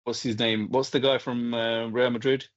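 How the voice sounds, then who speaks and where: A man, co-hosting a podcast and chatting casually, rambling with quick restarts. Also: medium pitch, level tone, lo-fi sound. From England. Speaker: podcast co-host. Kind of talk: casual chat.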